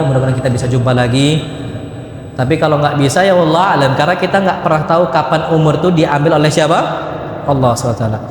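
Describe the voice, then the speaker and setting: A man preaching a casual, joking study-circle sermon in a mosque, jumping into sudden high-pitched bursts on his punchlines. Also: slight background noise. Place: large mosque hall. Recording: echoey mosque hall with long reverb and faint ambience.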